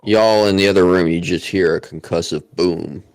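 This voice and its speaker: A man narrating a tabletop game as dungeon master, talking in a relaxed way with many pauses and fillers. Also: low voice.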